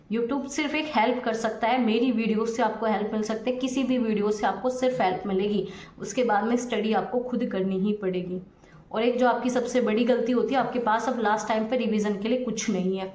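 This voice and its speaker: A woman's voice: fairly high pitch, darkish tone, echoey room. Blunt woman coaching exam takers. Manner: direct, scolding, repeats points for emphasis. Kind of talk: motivational exam-prep lesson.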